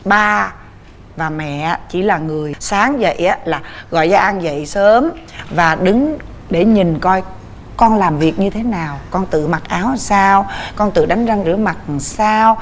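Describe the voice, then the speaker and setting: A Southern Vietnamese woman hosts a TV couples show from the studio. She speaks in a mid-range voice and talks in an animated, coaxing, motherly way as she gives advice. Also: medium pitch, a little slow, a little hiss or hum. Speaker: talk show host. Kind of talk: warm advice and coaxing talk.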